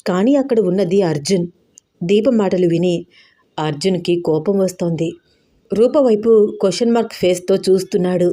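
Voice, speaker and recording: A woman narrating a dramatic love story in a steady, measured reading voice. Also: mid-range voice.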